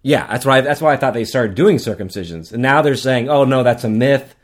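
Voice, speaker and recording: A man's voice: mid-range voice, lively intonation, fairly quick. A man chatting casually and crudely as a podcast co-host, sitting a little distant from a shared microphone. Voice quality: frequent throat clearing. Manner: crude, joking, profane. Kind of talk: casual chat. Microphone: one shared microphone. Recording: distant from a single shared mic.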